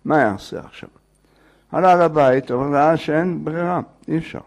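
Gravelly man telling a folk tale. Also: a little high. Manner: lively, digressive, acts out the characters. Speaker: storyteller. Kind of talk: oral folk tale storytelling.

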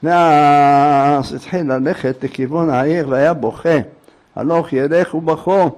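An older man telling a folk tale in an animated way and acting out the characters' shouts. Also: on the high side. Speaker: storyteller.

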